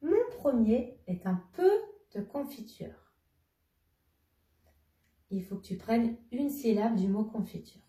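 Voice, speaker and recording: A woman's voice: fairly high pitch, sing-song, dark tone. A woman teacher speaking to a young child, patiently setting riddles and repeating each clue. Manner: slow, patient, addresses a child directly, repeats clues. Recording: roomy, somewhat distant mic.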